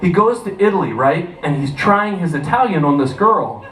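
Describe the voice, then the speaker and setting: An American man performing a stand-up comedy set, telling profane, animated stories and acting out the voices of the people in them. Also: a little high, normal speed, a little hiss or hum. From United States. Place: comedy club stage with a live audience. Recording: roomy club sound, distant mic, audience laughter.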